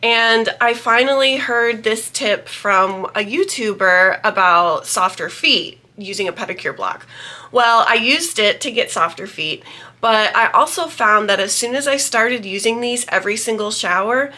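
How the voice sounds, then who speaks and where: A woman's voice: on the high side, expressive, unhurried, pushed and bright. A young woman vlogger chatting casually about beauty tips, her voice a little nasal from a cold, rambling with many ums. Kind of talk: casual chat to camera.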